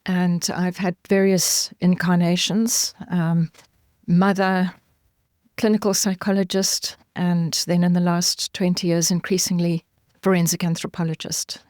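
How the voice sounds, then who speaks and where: A middle-aged woman from Zimbabwe speaks in a fairly low voice, measured and earnest, pausing with ums as she explains. The sound is dry and close, with no room around it. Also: flat delivery, a little mellow, no echo. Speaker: guest, forensic anthropologist. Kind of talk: thoughtful interview answers.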